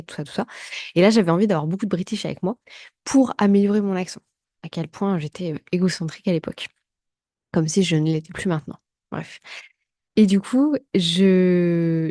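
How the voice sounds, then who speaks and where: A woman in her thirties from France tells a personal story in a chatty, self-mocking way, stopping often to correct herself. Her voice sits fairly low and sounds warm and mellow. The recording is dry and close, with no room sound. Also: no room sound. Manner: chatty, self-mocking, many fillers and restarts. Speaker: vlogger. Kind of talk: casual storytelling to camera.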